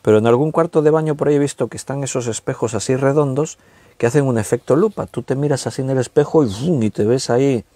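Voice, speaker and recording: Male preacher, mid pitch, chatty sermon delivery with slow emphatic words, dry close sound. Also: warm tone, dry recording. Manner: conversational, stretches key words slowly for emphasis. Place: recorded at home with a tablet.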